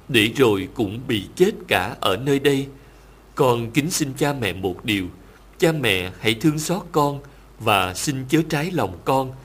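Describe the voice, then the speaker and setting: A man voicing a devoted, self-sacrificing young prince in a storybook reading, measured and reverent. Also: medium pitch.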